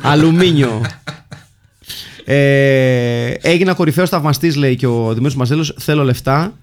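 A man's voice: mid-range voice, a little hiss or hum. A man hosting a casual comedic film chat, reading out listener suggestions and joking about them. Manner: jokey, reads lists of names and titles. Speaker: podcast host reading listener mail.

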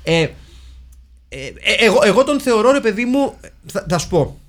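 A man co-hosting a podcast and chatting casually about films. His voice sits fairly high. He talks in an animated way, often breaks off and restarts, and throws in English phrases. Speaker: podcast co-host. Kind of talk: casual film chat.

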